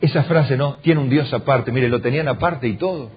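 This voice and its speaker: A man's voice: medium pitch, a little fast, lo-fi sound. A man with an Argentine Spanish accent preaching a sermon as pastor, asking the congregation questions and acting out the voices in the stories he tells. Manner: animated preaching, acting out quoted lines, rhetorical questions. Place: church hall.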